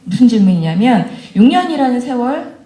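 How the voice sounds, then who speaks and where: Woman, 40s, education speaker, candid lecture to parents, warm tone, roomy hall echo. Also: on the high side, sing-song, a little fast. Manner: candid, conversational, asks the audience questions. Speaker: education speaker addressing mothers.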